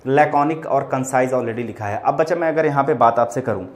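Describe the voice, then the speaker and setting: A man's voice: mid-range voice, a little fast. A man teaching English vocabulary in a chatty, repetitive way, calling his students "beta" and "bachche" as he goes through synonyms and opposites. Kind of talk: explaining English words in Hindi to students.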